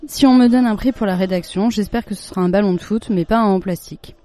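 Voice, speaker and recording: Reader playing an innocent, earnest schoolboy in an audiobook, mellow voice. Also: medium pitch, fast talker, natural voice. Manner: earnest, childlike reading aloud.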